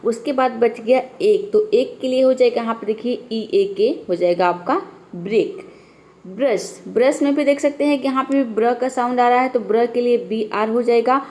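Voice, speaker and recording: Lady teacher explaining spelling rules, slightly high voice, patient, keeps saying theek hai. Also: moderate pace, a little mellow. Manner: patient, repeats "ठीक है" and "देखिए" often. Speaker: English teacher. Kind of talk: classroom spelling lesson.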